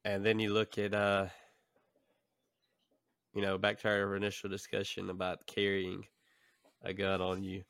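Low-pitched guy rambling casually on a podcast, dead dry sound. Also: completely flat delivery, unhurried, long pauses, a bit bright, clean tone, no room sound. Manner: rambling, laughs between thoughts. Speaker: podcast co-host. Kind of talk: casual chat.

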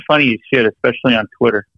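A man's voice: mid-range voice, brisk, breathy edge, dry recording, lo-fi sound. A man calling in to a casual chat, confidently explaining slang to the others. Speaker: guest caller.

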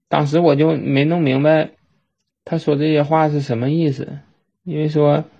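Man, Northeastern Mandarin accent, raspy voice, halting repetitive storytelling, muffled lo-fi sound. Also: medium pitch, a little mellow. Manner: halting, repetitive retelling with many restarts. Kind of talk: personal reminiscence monologue. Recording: dull lo-fi recording.

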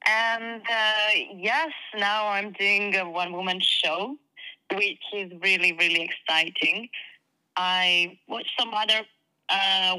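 A woman's voice: lowish voice, bright, forceful tone, clear, resonant tone, low-quality recording. Croatian-accented young woman, hesitant. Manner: hesitant, many fillers, laughs easily. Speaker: guest actress. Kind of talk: casual interview chat.

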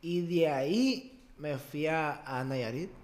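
A young man from Mexico, a baseball player, telling a personal story as a podcast guest, with an emotional, halting delivery and many restarts. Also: on the high side, animated, darkish tone. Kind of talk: casual interview storytelling.

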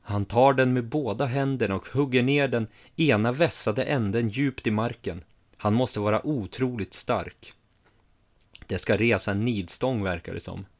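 A man narrating a story in the first person, in a measured reading that drops quiet for his inner asides. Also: mid-range voice.

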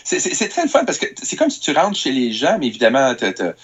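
Husky, lively Quebec man. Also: medium pitch, fast. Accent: Quebec French. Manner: animated, stammering restarts. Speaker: tech columnist. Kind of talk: casual radio chat. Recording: radio studio.

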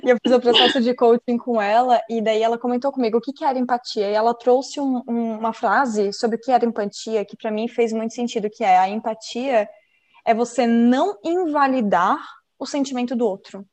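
A woman's voice: a little high, fairly quick. A woman co-hosting a podcast, chatting casually and acting out film scenes as she tells them. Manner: animated storyteller, acts out film scenes in voices; upbeat, self-described positive person. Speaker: podcast co-host.

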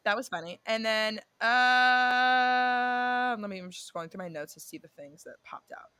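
A young woman co-hosts a podcast, casually chatting about a reality show and astrology while swearing freely, often drifting off and correcting herself. Her voice is fairly high, a little slow, sharp, clear and resonant, with no room sound.

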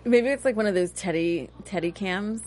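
A woman in her thirties hosting a casual TV recap chat, talking in a chatty, animated way with a touch of cynicism. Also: mid-range voice, normal speed. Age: 30s. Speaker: host.

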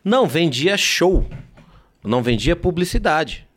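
A man's voice: fairly high pitch, big pitch swings, a little slow. A man, a stand-up comedian, chatting as a guest in a casual interview, telling stories and acting out his own thoughts.

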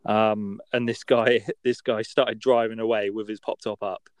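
A young podcast speaker from England's West Country chats casually and tells anecdotes in informal British slang, dragging out his long A vowels. His voice is fairly low, a little slow and fairly flat in pitch, with a clear, resonant tone and no room sound.

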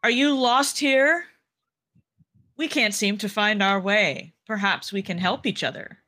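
A woman voicing a formal, matter-of-fact adventurer in a tabletop game, speaking slowly and more loudly than her usual voice. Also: medium pitch. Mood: formal, polite.

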